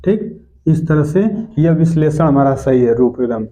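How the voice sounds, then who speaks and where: Man teaching spelling, slow and repetitive. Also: a little high, lively intonation, mellow, soft background music. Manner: explains step by step, repeats each correct word slowly. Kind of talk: spelling lesson lecture. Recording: dull lo-fi recording.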